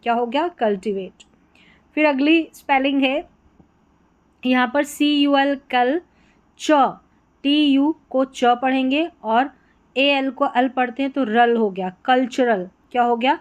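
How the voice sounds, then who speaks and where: A woman's voice: high voice, slow pace, highs cut off. A woman with a Hindi accent teaching English reading patterns, sounding out each word, repeating it, and quizzing the listener. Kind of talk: explaining spelling patterns.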